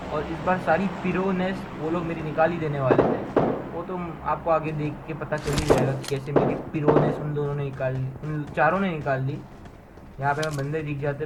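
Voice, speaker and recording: A man's voice: a little high, a little fast, very noisy. Young man narrating his game, gunfire behind. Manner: excited, jokey self-mocking storytelling. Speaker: gamer narrating his match. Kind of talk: casual gameplay commentary voice-over.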